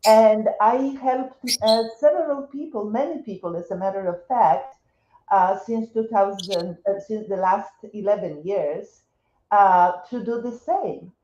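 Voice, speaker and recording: A seventies-aged guest from Poland, a wellness coach with a Polish accent, chats in a casual interview, often restarting and using fillers. Her unhurried, medium-pitched voice carries a warm tone. The lo-fi audio sounds roomy, with slight background noise.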